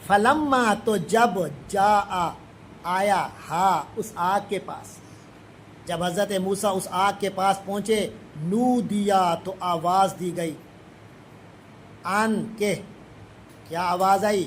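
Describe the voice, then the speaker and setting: A middle-aged man from Pakistan with a high voice gives a Quran commentary lesson. He intones each Arabic verse slowly, then explains it briskly in everyday speech. Faint noise is heard behind him. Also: steady tone, low-quality recording. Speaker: Quran teacher.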